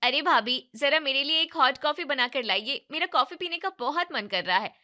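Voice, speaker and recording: A woman voicing a lazy, demanding young married woman who gives orders in a bossy, entitled way in an animated story. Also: sits high, moderate pace.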